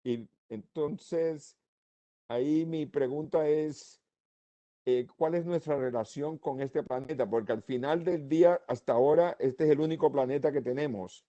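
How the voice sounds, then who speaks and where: A man from Colombia speaking, giving his views as a panelist in a seminar discussion in an animated, rambling way. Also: on the high side, unhurried, lo-fi sound. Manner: animated, rambling, laughs between points.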